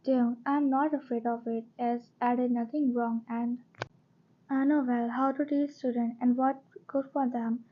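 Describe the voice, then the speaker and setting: A woman voicing a calm, stern young male professor who gives flat, firm replies in a fan-fiction reading. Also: on the high side, a little slow, narrow, tinny audio, a little hiss or hum, lightly acted.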